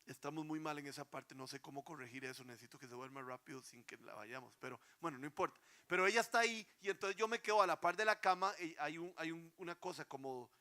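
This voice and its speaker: A young male pastor delivers a sermon in an earnest voice. His tone is bright and forceful, set a little high. He swells into emphatic peaks, then drops to a soft hush. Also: fast talker, few pauses.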